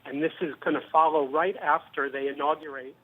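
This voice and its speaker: Man, guest analyst, measured and explanatory, slightly high voice, phone-line sound. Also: fairly even intonation, slightly rough. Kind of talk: business news interview. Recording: tinny phone-line audio.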